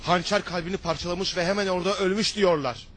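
A man's voice: sits high, steady tone, fast, fairly bright tone. An actor playing an anxious, impatient man pressing for news in a historical drama. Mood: anxious, urgent. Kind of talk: dubbed historical drama dialogue.

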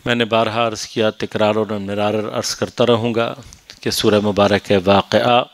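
A man giving a measured, explanatory religious lecture on Quranic commentary, rising into emphatic stretches. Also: fairly low pitch, level tone, no echo.

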